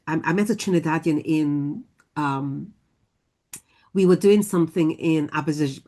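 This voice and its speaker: A woman poet on a panel discussion, speaking thoughtfully and haltingly with many restarts. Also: low-pitched, darkish tone.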